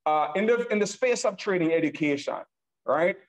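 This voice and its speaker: Pitched high with lively intonation, this Nigerian man talks at a moderate pace while presenting an online business webinar over a laptop video call. He sells with hype-driven enthusiasm, repeats himself often, and keeps hailing his listeners as ladies and gentlemen.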